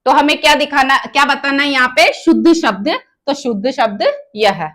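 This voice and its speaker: A woman's voice: high voice, fairly bright tone. A woman with a Rajasthani Hindi accent teaching an exam-prep Hindi grammar lesson, asking the class questions and answering them herself as she goes through each option. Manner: spells out words slowly, option by option.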